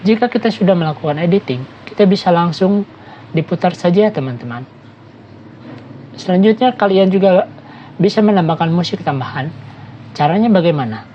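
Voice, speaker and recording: A woman narrating a screen-recorded app tutorial, giving steady step-by-step instructions and talking to viewers as friends. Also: deep voice, highs cut off, slight background noise.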